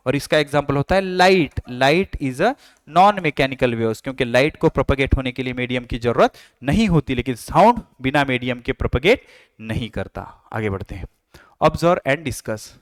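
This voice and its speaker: A man's voice: medium pitch, expressive, no echo. A man teaching a science lesson, mixing Hindi and English, asking and answering his own questions and playfully imitating sounds. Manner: reads English textbook lines slowly, then explains them.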